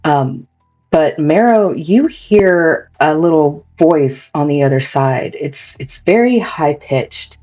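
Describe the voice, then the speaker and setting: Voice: medium pitch, lively intonation, slow, darkish tone. A game master casually and hesitantly narrating a tabletop role-playing game. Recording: dull lo-fi audio, faint music behind.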